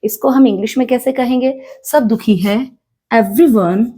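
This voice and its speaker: A woman with an Indian accent teaching a spoken English lesson, slowly repeating each phrase and quizzing the learners. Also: on the high side, fairly even intonation, warm tone, slightly rough. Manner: slow, repeats each phrase, asks the class questions.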